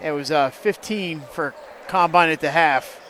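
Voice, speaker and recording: A man calling live high school basketball play-by-play, quick and jokey, his voice jumping up on big plays. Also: sharp tone, slight background noise. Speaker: play-by-play announcer.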